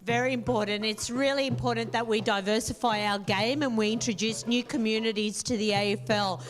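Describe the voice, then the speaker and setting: A woman's voice: fairly high pitch, steady tone, fairly quick. A woman managing multicultural programs, speaking enthusiastically in an event interview.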